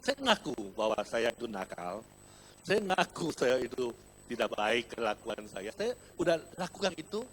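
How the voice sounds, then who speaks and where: In a church hall, a middle-aged male pastor from Indonesia recounts a personal story in his sermon with animation, addressing the congregation as "saudara" (brothers and sisters) and mixing in English words. His voice is mid-range and a little slow, with a little hiss or hum on the recording.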